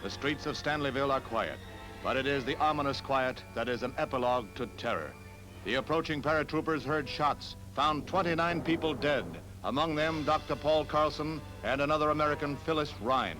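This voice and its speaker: A man's voice: a little high, brisk, poor audio. A man giving grave, dramatic announcer narration for an old 1960s archival newsreel. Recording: narration over loud newsreel music.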